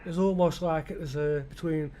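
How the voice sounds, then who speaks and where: British male gaming creator, slightly raised pitch, loose meandering commentary full of self-questions. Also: steady tone, normal speed, mellow. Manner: musing aloud, asking himself questions, many restarts. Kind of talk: rambling flight-sim commentary.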